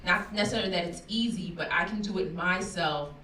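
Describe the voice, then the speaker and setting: A woman's voice: lowish voice, a little fast, sharp tone, a little hiss or hum. A woman in the audience earnestly asking the panel a question. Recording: echoey room, distant.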